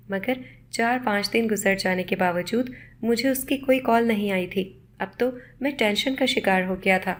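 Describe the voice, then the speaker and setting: A woman narrating a scripted first-person moral story in a steady, measured reading. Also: medium pitch.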